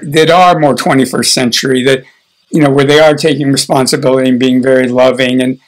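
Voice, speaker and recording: An older man teaching a guided healing session in a relaxed, conversational way, chuckling now and then and often restarting his sentences. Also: a little high, rough recording.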